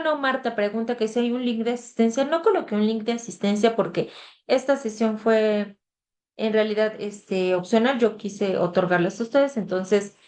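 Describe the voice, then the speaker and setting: A woman's voice: fairly high pitch, darkish tone. A woman tutor, talking casually to her class over a video call, with frequent fillers. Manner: conversational, reads the chat aloud, filler "este". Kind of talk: online class session.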